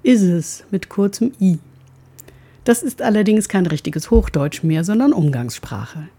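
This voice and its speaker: Husky woman explaining pronunciation. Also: fairly low pitch, expressive, unhurried, dark tone. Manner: precise, demonstrates sounds aloud.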